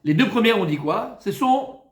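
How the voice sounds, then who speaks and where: A rabbi with a high voice teaches an informal Talmud class to a live group. He is familiar and teasing, calls his listeners "Habibi", and swings from loud urging to soft, coaxing tones. The sound has the strong echo of a reverberant room. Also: expressive, moderate pace. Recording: echoey room.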